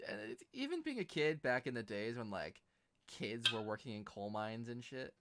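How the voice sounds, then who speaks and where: Laid-back man with a lively voice. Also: medium pitch, normal speed, heavy background noise. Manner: laid-back, teasing, lots of agreement. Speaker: host. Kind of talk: casual podcast chat.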